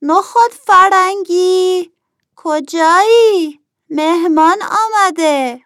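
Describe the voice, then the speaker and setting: A woman voicing a small, anxious pea creature in a storybook, speaking in a high voice. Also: fairly bright tone, no echo, studio quality. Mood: calling out.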